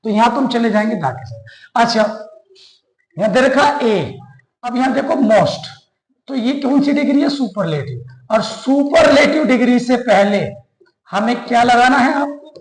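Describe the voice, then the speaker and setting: A man's voice: very high-pitched, lively intonation, unhurried, reverberant, low-quality recording. A man teaching an English grammar class, explaining step by step and answering his own questions to the students.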